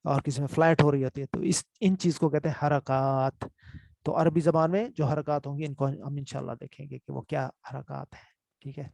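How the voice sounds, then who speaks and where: Man teaching in a gravelly voice. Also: fairly high pitch, steady tone, darkish tone, dry recording. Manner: explanatory, repeats terms and checks understanding often. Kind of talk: online lesson with screen notes.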